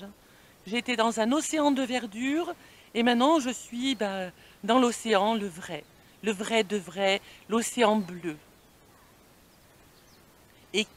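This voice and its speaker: A middle-aged woman chatting in a casual vlog, her voice high and bright. She talks playfully, laughing easily. She is outdoors, holding the camera at arm's length. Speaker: vlogger host. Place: outdoors by a camper van on a sunny coast. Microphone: handheld camera at arm's length.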